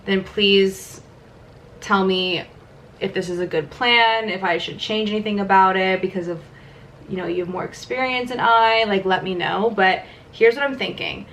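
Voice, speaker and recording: A woman's voice: mid-range voice, normal speed, fairly bright tone, a little hiss or hum. A woman in her twenties chatting casually at home through a makeup vlog, filling her talk with "like". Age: 20s. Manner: chatty, many "like" fillers. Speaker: vlogger. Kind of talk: casual vlog chat during a makeup routine.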